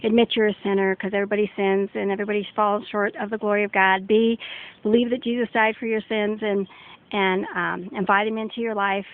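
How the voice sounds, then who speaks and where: A woman's voice: mid-range voice, little pitch movement, a little fast. Earnest woman giving a tinny faith testimony. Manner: earnest and rambling, with many restarts. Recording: tinny phone-like sound.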